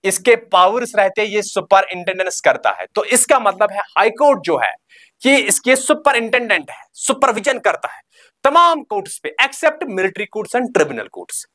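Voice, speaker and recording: A man giving a recorded exam coaching lecture. He asks his students short questions and answers them himself, reads key terms out slowly and repeats them, and keeps telling the class to remember. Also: high-pitched, expressive, pushed and bright.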